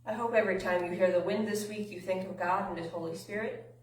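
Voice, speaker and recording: A woman leads a children's church lesson, reading scripture aloud with energy and adding chatty asides for the kids. Her voice sits at a middle pitch and is picked up from some distance in an echoing room. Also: fairly even intonation, fast talker, darkish tone, slight background noise. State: a little out of breath. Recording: roomy, from a distance.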